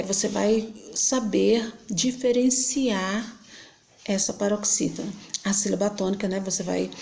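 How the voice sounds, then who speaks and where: A woman with a Brazilian Portuguese accent teaching a grammar lesson, patiently explaining and often checking in with quick questions. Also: medium pitch, creaky, a little mellow.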